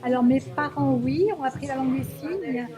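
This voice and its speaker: A woman sign language interpreter voicing an interview in the first person, halting and searching for words, in a café. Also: sits high, heavy background noise. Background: loud music.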